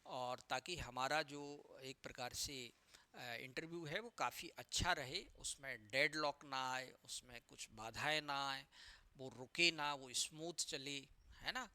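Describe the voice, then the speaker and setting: A man giving an explanatory lecture as an interview coach, often tagging his sentences with a questioning "right?" and spelling out abbreviations slowly. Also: medium pitch, sharp tone, no room sound. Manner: repeats "है ना" as a tag.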